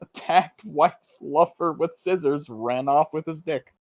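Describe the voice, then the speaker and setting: A man co-hosting a casual voice-call podcast, excitable and swearing freely as he reads out headlines. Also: on the high side, measured pace. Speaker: podcast co-host. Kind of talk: casual chat.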